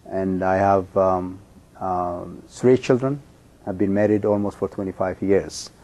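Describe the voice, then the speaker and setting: A middle-aged man from Ethiopia delivers a sermon. He speaks in a measured, emphatic way, with frequent pauses and ums between thoughts. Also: low voice, fairly even intonation, mellow. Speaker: pastor.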